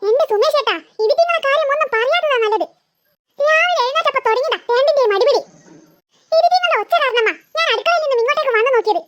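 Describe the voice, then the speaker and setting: A woman's voice: extremely high pitch, animated, fast talker, fairly bright tone, no echo. A woman voicing a harried young mother in a cartoon, scolding and complaining. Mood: chatty. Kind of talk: cartoon voice acting.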